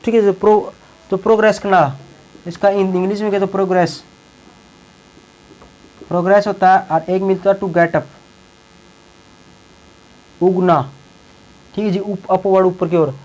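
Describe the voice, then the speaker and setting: A man's voice: sits high, level tone, measured pace, pauses often, darkish tone, rough recording. A male teacher explaining English verb forms in Hindi, often repeating words and checking in with the class. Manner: repeats words and tags lines with a check-in phrase.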